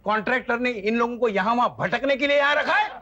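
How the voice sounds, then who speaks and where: A man playing a loud, fussy manager who scolds workers in a TV sitcom. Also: extremely high pitch, quick pace, lo-fi sound. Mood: scolding. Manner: scolding, shouty. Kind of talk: sitcom acting.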